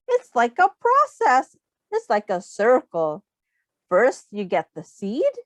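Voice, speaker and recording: A woman teacher reads a picture book to young children, deliberate and expressive, stopping now and then to ask them questions. Her pitch is fairly high, and there's no echo.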